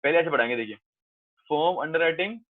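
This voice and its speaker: A man's voice: fairly high pitch, expressive, quick pace, no echo. A male commerce teacher, lecturing a class in a coaxing, reassuring way and repeating points often. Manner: coaxing, calls students 'beta', reassuring and repetitive. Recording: dry, tinny phone-like sound.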